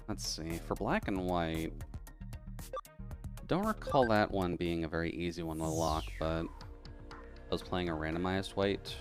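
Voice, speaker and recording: Male live streamer, low-pitched with metallic robot processing, chatty off-the-cuff gameplay commentary over music. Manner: chatty, mutters while playing, reads chat aloud. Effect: metallic tin-can robot voice filter.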